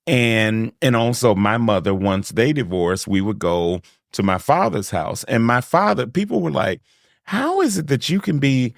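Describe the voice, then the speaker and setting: This podcast host has a medium-pitched, animated voice with some vocal fry, keeping a measured pace. He banters casually, breaks into frequent laughter, and performs quotes in character. The recording is clean studio audio with no room sound.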